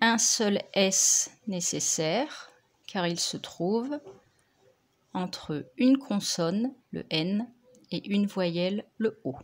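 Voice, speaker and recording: A woman teacher, slowly dictating and correcting spelling words for young pupils, articulating each word carefully. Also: medium pitch, lively intonation. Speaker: primary school teacher.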